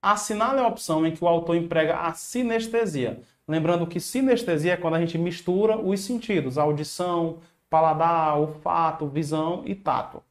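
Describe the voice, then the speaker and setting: A Brazilian man with a somewhat high voice teaches an exam-prep lesson. He talks in a casual, encouraging way, dropping slang as he walks through each answer. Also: normal speed, few pauses. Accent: Brazilian Portuguese. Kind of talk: online video lesson.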